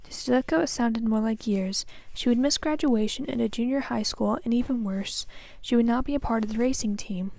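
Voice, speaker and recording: A woman student reading a children's novel aloud in a careful, soft, breathy manner, with occasional small slips. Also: fairly high pitch, fairly quick, hardly any pauses, no echo. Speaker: student reader.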